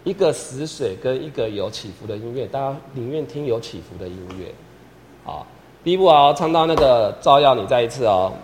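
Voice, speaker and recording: A man's voice: mid-range voice, expressive, brisk, slight background noise. A man directing a choir rehearsal, patiently repeating instructions, counting the singers in and singing lines to show them. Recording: long hall reverb with piano behind. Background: piano accompaniment.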